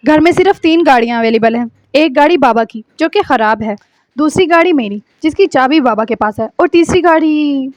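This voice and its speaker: A woman's voice: high-pitched, expressive, dry recording. A woman reading a novel aloud, voicing a nervous young man who coaxes hesitantly. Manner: hesitant, coaxing.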